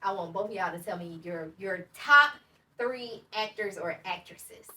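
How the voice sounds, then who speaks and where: A woman hosting a casual interview, playful and quick to joke. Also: mid-range voice, bright, forceful tone, far from the mic.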